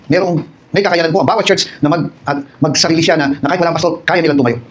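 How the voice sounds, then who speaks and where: A middle-aged Filipino man preaches a conversational midweek sermon at a church service, putting rhetorical questions to his congregation and telling personal stories with acted-out quotes. His voice is a little high and fairly even in intonation, delivered rapid-fire.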